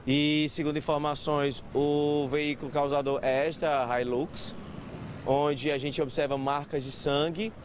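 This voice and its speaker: A man's voice: on the high side, level tone, unhurried. A man giving an urgent live news report from a city avenue, questioning witnesses. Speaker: street reporter. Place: busy city avenue outdoors. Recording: street traffic noise behind.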